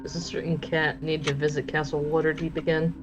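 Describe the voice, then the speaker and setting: A woman's voice: low-pitched, flat delivery, fairly quick. A woman playing a tabletop game, casually teasing her friends. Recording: dull lo-fi mic, music behind.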